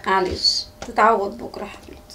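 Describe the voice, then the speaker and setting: A woman's voice: high voice, fast, a little hiss or hum. A woman playing a weary Egyptian mother. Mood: tender. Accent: Egyptian Arabic. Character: weary pleading mother, nearly blind. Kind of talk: amateur family drama. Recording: distant mic with music behind.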